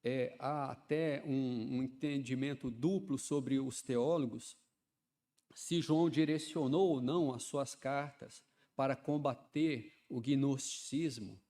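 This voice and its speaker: A man, preaching a sermon in a chatty style that swells into loud, fervent emphasis. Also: medium pitch, takes it slowly. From Ceará, Brazil. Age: 50s. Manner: conversational preaching, often adds "né", builds to loud fervent emphasis.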